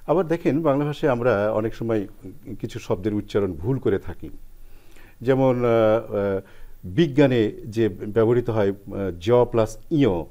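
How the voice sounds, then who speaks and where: A man's voice: fairly low pitch, mellow. A man explaining pronunciation rules as a guest expert on a TV language program, spelling out sounds step by step.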